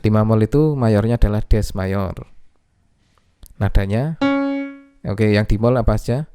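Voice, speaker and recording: A man's voice: fairly low pitch, a little slow, warm tone, clean tone, no echo. A man teaching music theory, patiently naming notes one by one and checking in with "ya". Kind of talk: explaining music theory lesson. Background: piano playing.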